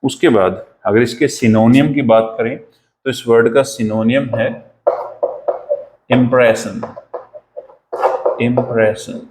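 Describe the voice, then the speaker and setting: A man teaching English vocabulary in a classroom-lesson style, with an Indian accent, repeating each word slowly for pronunciation drills. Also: mid-range voice, steady tone, very noisy.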